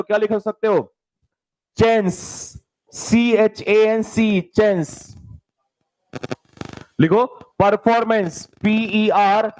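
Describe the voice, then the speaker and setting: Man, Indian English accent, online grammar teacher, spells letter by letter, higher voice, slow delivery. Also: low-quality recording. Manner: brisk, urging students to answer fast, spells words letter by letter; calls students "beta" and "bhai", reads out their comments. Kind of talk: live online spelling lesson.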